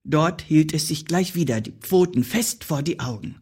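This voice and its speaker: A woman narrating a children's story in an expressive, playful way. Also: low voice, breathy edge. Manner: slow, playful, with dramatic pauses. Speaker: audiobook narrator.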